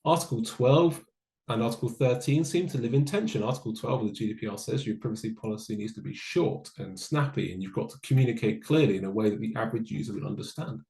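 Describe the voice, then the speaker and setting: A man giving a webinar presentation, explaining in a measured way with dry asides. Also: medium pitch, creaky, darkish tone, echoey room, rough recording. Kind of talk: online presentation on data law.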